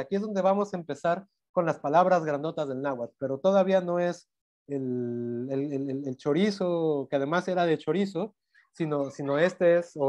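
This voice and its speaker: A man's voice: high-pitched, a little mellow. A man lecturing in a Mexican Spanish accent, explaining grammar step by step with frequent self-corrections and check-in questions. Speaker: university language teacher.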